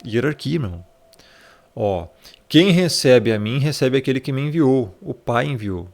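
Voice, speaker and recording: A man's voice: medium pitch, expressive, normal speed. A man explaining scripture in a casual Bible study, talking conversationally and checking in with his listener as a brother. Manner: conversational, peppered with tag questions, addresses listener as brother. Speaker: Bible teacher.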